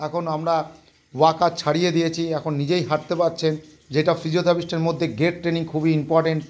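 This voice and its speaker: A man with a fairly high voice works as a physiotherapist and walks a patient through rehab exercises. He calls out short commands and counts the reps aloud. He drops English medical terms in as he explains. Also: level tone, fast talker, a little mellow. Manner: mixes English medical terms into his speech. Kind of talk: instructional demonstration with a patient.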